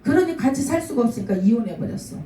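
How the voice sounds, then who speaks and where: A woman's voice: fairly high pitch, quick pace. A middle-aged woman pastor preaching a sermon, telling stories about people she met and acting out their quoted words. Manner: storytelling with lively acted-out quotes. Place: church sanctuary. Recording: echoey room, mic at a distance.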